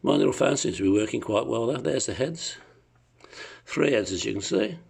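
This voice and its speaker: A private seller demonstrates an item in his living room indoors, recording on a handheld phone from behind the camera. His medium-pitched voice is husky and darkish with vocal fry, expressive at a normal speed, and his unscripted talk is casual, rambling and hesitant.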